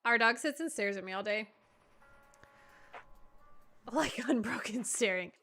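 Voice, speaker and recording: Young female streamer, fairly high and bright, casual and giggly, doting on her pup at the mic. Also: expressive, unhurried, soft background music. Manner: laughs often, coos praise at her dog. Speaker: live streamer. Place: at home. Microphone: desk streaming mic.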